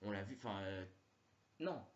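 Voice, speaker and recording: A man's voice: lowish voice, expressive, moderate pace, muffled recording. A man doing a stand-up comedy monologue, rambling and slangy, with many fillers.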